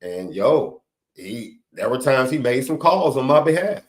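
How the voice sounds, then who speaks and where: A man co-hosting a casual sports talk show, relaxed and conversational. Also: medium pitch, a little slow. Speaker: co-host and recruiting analyst.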